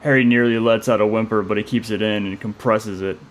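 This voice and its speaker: A man narrating a story in a steady, measured delivery. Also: lowish voice, slight background noise.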